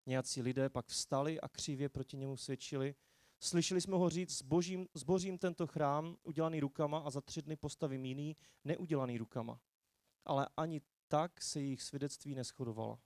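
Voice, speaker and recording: A man reading a long scripture passage aloud in a church service, measured and expressive, lifting his voice for quoted speech. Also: a little high, no echo. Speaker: preacher. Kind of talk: Bible reading in a sermon. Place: church hall.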